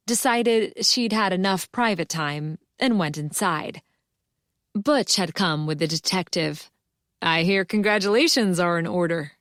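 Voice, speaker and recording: A woman narrates a cozy mystery audiobook in a mid-pitched voice. She reads scripted first-person prose in an expressive storytelling manner, recorded close and dry with no room sound. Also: no room sound.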